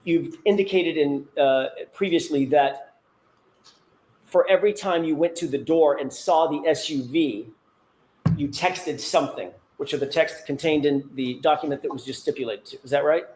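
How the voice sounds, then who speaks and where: A man's voice: a little high, moderate pace, a little mellow, a little hiss or hum, poor audio. A man working as a defense attorney, cross-examining a witness in a courtroom with pointed, methodical leading questions.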